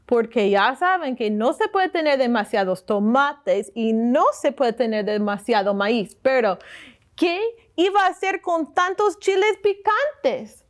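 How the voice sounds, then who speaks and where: A woman's voice: fairly high pitch, animated, measured pace. A woman reading as a proud cheerful mother. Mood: explaining. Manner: chatty, boastful about her family.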